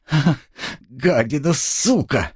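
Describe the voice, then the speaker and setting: A man's voice: on the high side, lively intonation, slow, a little mellow, slightly rough, voice pushed up, full character voice. A man voicing a frightened young female student who pleads and cries out in desperation. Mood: screaming.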